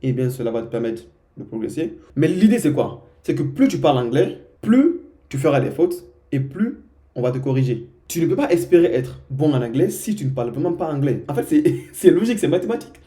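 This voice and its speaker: A man's voice: a little high, sing-song, brisk, mellow. A young man from Guinea giving casual, informal advice to his viewers, often repeating himself and checking in with "ok?". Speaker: vlogger giving language tips. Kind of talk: casual direct-to-camera advice.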